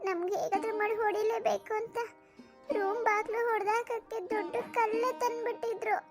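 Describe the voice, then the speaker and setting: Sad cartoon schoolgirl: soft, plaintive, extremely high. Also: little pitch movement, a little fast, over loud music. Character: sad little schoolgirl with troubled home. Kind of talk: cartoon voice acting.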